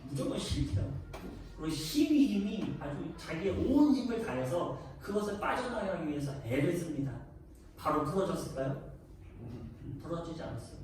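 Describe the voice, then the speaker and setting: Preacher in an echoey hall. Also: male voice, on the high side, very animated, normal speed, darkish tone. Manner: earnest storytelling preacher, rising to emphatic peaks. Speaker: pastor. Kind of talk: sermon. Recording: echoey church hall, distant mic, faint noise.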